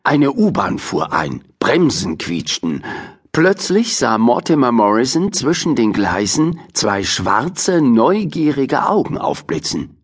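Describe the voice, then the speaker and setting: Slow, husky male storyteller. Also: medium pitch. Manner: expressive storytelling. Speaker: audiobook narrator. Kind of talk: scripted narration for children.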